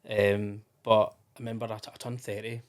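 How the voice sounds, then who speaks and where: A Scottish man in his thirties speaks in a lowish, level voice at a brisk clip. He's a podcast guest in a casual interview, chatting and rambling with lots of fillers and restarts.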